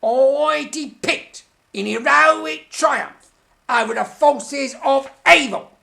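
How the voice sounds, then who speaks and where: A performer voicing a vain, touchy male puppet stage actor, hammy, pompous and theatrical, with a creaky, sharp voice in a comic mock interview. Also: high-pitched, takes it slowly, exaggerated voice. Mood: pompous, defensive.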